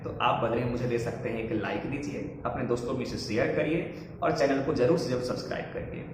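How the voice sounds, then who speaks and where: Male teacher's outro, plain mid voice, heavy room echo. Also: medium pitch. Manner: direct, coaxing appeal to viewers. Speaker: English teacher. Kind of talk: channel sign-off. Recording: very roomy hall echo, faint hiss.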